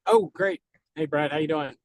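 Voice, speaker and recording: A man's voice: fairly high pitch, huge pitch swings, normal speed, vocal fry, no echo. A man calling in on a car speakerphone while driving, an apologetic and somewhat distracted professor speaking in short phrases. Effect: car speakerphone on a call while driving. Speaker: professor supervising a case discussion.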